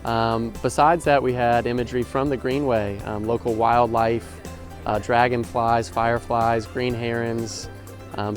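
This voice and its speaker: A man describes his murals in an interview, pausing between items as he lists them. He speaks in a flat, even tone, with faint music behind him. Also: mid-range voice. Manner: halting, listing items.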